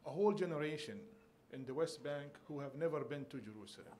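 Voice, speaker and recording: Man from Bethlehem, conference panelist, slightly raised pitch, earnest story with light humor, faint room noise. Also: quick pace, a little mellow.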